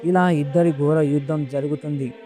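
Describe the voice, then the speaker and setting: Male storyteller, scripted myth narration, fairly high pitch, flat and even, faint music under. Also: normal speed. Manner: steady, even reading voice. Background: faint background music.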